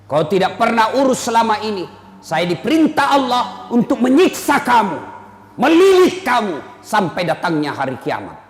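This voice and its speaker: A man voicing the vengeful spirit of neglected prayer, speaking low, hushed and menacing. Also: big pitch swings, normal speed. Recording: echoey hall with long reverb.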